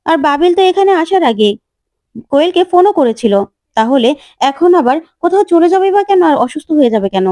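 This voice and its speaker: A woman's voice: high-pitched, sing-song, fast talker, warm tone, no room sound, voice pushed up. Woman voicing Mithil, wistful heartbroken young woman. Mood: pointed.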